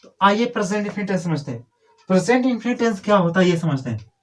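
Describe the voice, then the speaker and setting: A man's voice: high voice, very animated, very fast. A man teaching a grammar lesson to a class, drilling and correcting pupils in a scolding, repetitive way.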